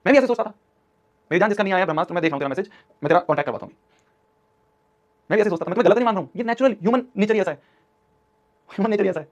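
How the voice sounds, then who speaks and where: A man's voice: high-pitched, rapid-fire, pauses often. A young man in his twenties, an online teacher giving a motivational class talk in an urgent, scolding, repetitive way. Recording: dull lo-fi stream audio.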